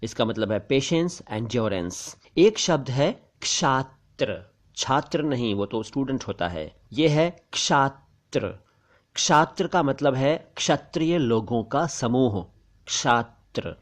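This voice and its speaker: A man gives a pronunciation lesson in a measured, mid-pitched voice. He says each word with deliberate care and repeats it, setting wrong and right sounds side by side. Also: expressive. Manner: careful, deliberate enunciation, repeating words slowly; contrasts wrong and right sounds, stressing syllables. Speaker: language teacher.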